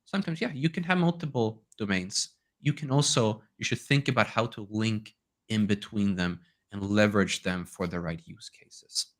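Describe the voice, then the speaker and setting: A man's voice: lowish voice, normal speed. A man from Sweden, a native Swedish speaker, giving a conversational webinar talk and telling anecdotes, often checking in with "right?". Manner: conversational, tells anecdotes, tags questions with "right?". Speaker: guest speaker on domains. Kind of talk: webinar presentation.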